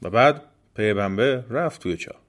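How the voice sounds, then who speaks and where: A man narrating a folk tale as a storyteller, with gentle drama. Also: lowish voice, lively intonation.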